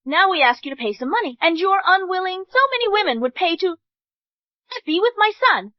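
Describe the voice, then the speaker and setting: A scornful, status-obsessed mother-in-law. The voice sits very high and leaps about with contempt. The sound is dry and a little dull, like a studio dub. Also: animated, a little fast, dry recording. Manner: haughty, insulting. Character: snobbish, scornful wealthy middle-aged mother-in-law. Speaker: groom's mother. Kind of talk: English drama dub.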